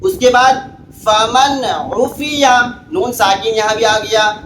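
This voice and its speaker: A man's voice: high voice, steady tone, fairly bright tone. Man teaching Quran spelling, echoey room. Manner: slow drawn-out recitation between quick explanations. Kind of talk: spelling out Quranic words for learners. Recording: echoey room with faint background hiss.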